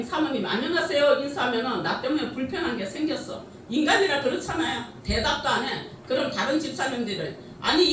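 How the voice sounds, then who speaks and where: High, lively woman preaching in an echoey hall. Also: a little hiss or hum. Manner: lively preaching with rhetorical questions and frequent laughter. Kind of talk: sermon. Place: church sanctuary. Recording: echoey church hall from a distance.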